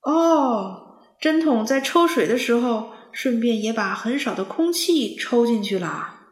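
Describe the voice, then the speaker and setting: A woman's voice: mid-range voice, animated, unhurried, echoey room. A woman doing a blunt scolding dog boy. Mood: eager. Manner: scolding, indignant.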